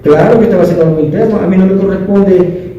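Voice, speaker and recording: A man's voice: high-pitched, fast talker, mellow, muffled recording. Man giving an emphatic testimony in an echoey room. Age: 30s. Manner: emphatic, storytelling, self-correcting. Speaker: leadership class participant. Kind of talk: personal testimony. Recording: very echoey room, distant mic.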